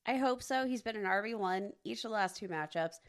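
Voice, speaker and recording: A woman's voice: medium pitch, brisk, clear, resonant tone. A woman co-hosting a casual sports podcast, talking emphatically and teasing her co-host, with many fillers.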